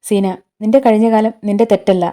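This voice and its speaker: A woman voicing a gentle, steady husband and stepfather, speaking calmly and reassuringly. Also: medium pitch, fairly quick, close to an everyday voice. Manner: calm, reassuring.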